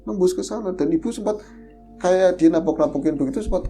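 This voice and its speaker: A man tells a ghost encounter, his voice leaning high, dark and warm. He talks in an animated, fearful way, with soft music running under him. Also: a little fast. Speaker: guest storyteller. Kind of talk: telling a personal horror experience.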